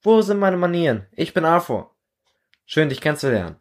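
An eager young soldier, played by a man reading a story chats in a lifted, upbeat voice. He sounds friendly and keen, talking quickly and brightly. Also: fairly high pitch, very animated, pitched above the performer's own voice. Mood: chummy.

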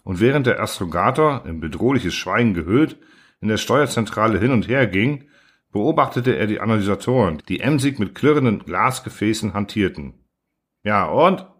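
Low-voiced man reading an audiobook. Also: expressive, normal speed, slightly rough. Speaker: audiobook narrator. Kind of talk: scripted narration.

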